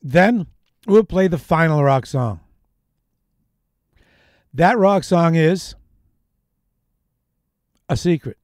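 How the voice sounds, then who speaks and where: A man's voice: on the high side, expressive, very slow, long pauses, dry recording. A man hosting a live radio show, chatty and reflective, speaking into a studio microphone. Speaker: radio DJ host.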